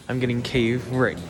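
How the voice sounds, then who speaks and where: A man vlogging on a cave tour, making casual, joking asides to his camera. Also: mid-range voice. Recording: noisy cave camera audio.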